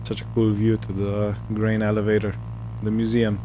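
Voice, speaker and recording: Speaking in a lowish, monotone voice at normal speed, this male gaming video host narrates his roleplay gameplay casually, thinking out loud. Background noise is present, including faint vehicle and ambient sound.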